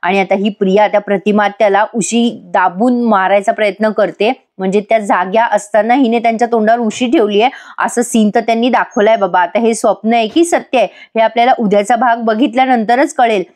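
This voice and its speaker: A woman's voice: on the high side, fairly even intonation, brisk, few pauses, darkish tone. A woman recapping a TV serial episode in a chatty voice-over, talking straight to viewers and acting out the characters' lines. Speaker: TV serial reviewer.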